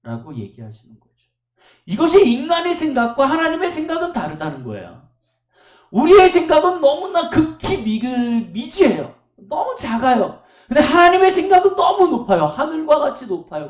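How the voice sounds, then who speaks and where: High, lively male pastor preaching. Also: normal speed, echoey room. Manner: emphatic storytelling with rhetorical questions to the congregation. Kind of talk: sermon. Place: church service.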